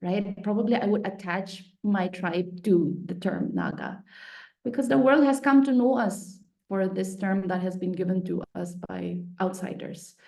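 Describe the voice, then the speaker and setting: Gravelly-voiced woman on a video call. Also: medium pitch, a little mellow, roomy sound. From Nagaland, Northeast India. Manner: halting, thoughtful, many restarts, laughs often. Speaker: author and speaker. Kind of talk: online panel talk.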